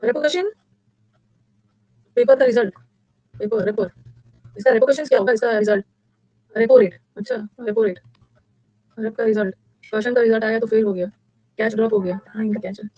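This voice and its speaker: Fast-talking energetic woman teacher. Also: dry recording. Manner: energetic, repetitive, with sudden high-pitched emphasis. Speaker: English vocabulary teacher. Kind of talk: classroom lecture drilling vocabulary with mnemonics. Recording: dull lo-fi dry recording.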